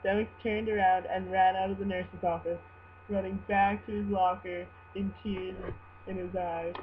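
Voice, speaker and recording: A woman giving an amateur dramatic reading of fan fiction, halting and prone to stumbles. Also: medium pitch, little pitch movement, a little hiss or hum. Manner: halting, stumbles over words and breaks into giggles. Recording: muffled, humming home recording.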